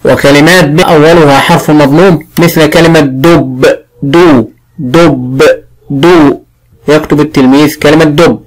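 A man with an Egyptian accent teaching early reading, sounding out syllables slowly and clearly. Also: a little high, fairly even intonation, poor audio. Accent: Egyptian Arabic. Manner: slow, drawn-out sounding of syllables. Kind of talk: classroom phonics lesson.

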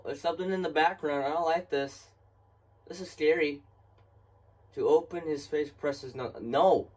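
A man's voice: medium pitch, darkish tone, breathy edge, far from the mic. A man streaming a horror game, nervously commenting and talking back to the screen as he plays. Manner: jumpy, nervous, talks to the game, dares it to scare him. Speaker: gaming streamer.

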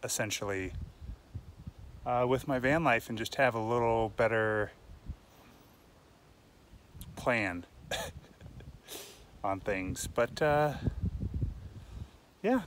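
A man's voice: mid-range voice, slight background noise. A man in his thirties talking casually to a phone held at arm's length while hiking on a wooded trail, reflective and full of fillers. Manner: chatty, reflective, with many "uh" fillers. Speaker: vlogger. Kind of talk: casual selfie vlog. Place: outdoors on a wooded mountain trail.

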